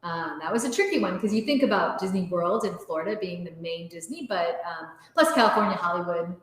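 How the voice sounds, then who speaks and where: Casual woman trivia host, talkative, recorded in a boomy, reverberant room. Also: lively intonation, fairly quick, a bit bright. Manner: chatty, reads quiz questions aloud. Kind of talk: casual livestream chat. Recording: very echoey room with long reverb.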